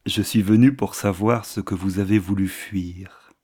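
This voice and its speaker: A man reading as an earnest young gentleman. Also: low voice, steady tone, measured pace, slightly rough. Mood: urgent.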